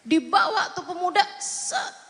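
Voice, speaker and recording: A woman's voice: extremely high pitch, lively intonation, a little slow, pushed and bright. A woman Islamic preacher, telling a story in a casual, chatty sermon that addresses listeners directly. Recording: long hall reverb.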